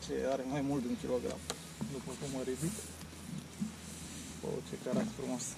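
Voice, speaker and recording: A middle-aged man with a gravelly, creaky voice gives easygoing commentary while fishing from a lakeshore. He is caught on an action camera by the water. Loud wind rushes over the recording. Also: medium pitch. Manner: chatty, excited exclamations when landing fish. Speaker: angler filming his fishing session. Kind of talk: casual outdoor commentary. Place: lakeshore outdoors, windy. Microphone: action camera on the bank. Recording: loud wind noise outdoors.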